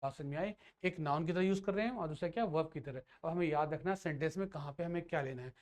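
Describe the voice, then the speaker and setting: A man's voice: on the high side, quick pace. Man quizzing through a grammar lesson. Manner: asks and answers his own questions. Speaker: grammar teacher. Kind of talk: classroom lecture.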